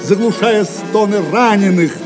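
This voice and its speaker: A man narrates an audio play in the role of a dramatic, theatrical storyteller, delivering lines declamatorily. His voice is high-pitched and unhurried, with music playing behind it.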